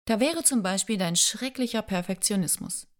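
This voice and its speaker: A young woman in love teases her partner, light and affectionate, as the narrator lifts her voice slightly for her. The lines come from a romance audiobook, read close and clear. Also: mid-range voice, animated, normal speed, natural voice. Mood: playful, affectionate. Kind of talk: audiobook dialogue.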